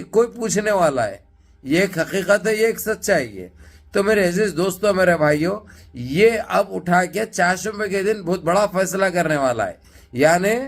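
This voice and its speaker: A man giving impassioned, mocking political commentary to his viewers. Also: sits high. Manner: fiery and mocking, addresses viewers as friends and brothers. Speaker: online news commentator.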